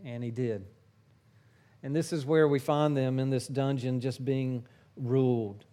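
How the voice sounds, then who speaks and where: Slow, earnest male preacher. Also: fairly even intonation. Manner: slow, earnest preaching, swinging between forceful emphasis and hushed low phrases. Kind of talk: sermon.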